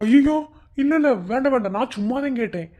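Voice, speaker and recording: A woman's voice: medium pitch, animated, fast talker, heavy background noise, lightly acted. A woman voicing a pushy, curious young village woman in a cartoon, with a Madurai Tamil accent. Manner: pushy, exclaiming. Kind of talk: cartoon voice acting.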